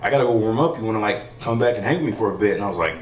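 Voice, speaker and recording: A man's voice: on the low side, animated, racing. A young man, a saxophonist guest, chatting casually and telling a story, with lots of fillers along the way. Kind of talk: casual interview chat. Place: theater loft, live session. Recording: echoey room, mic far off.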